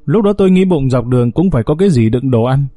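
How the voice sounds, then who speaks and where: Male storyteller, steady unhurried narration, mellow dark tone, dry close sound. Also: medium pitch, no room sound.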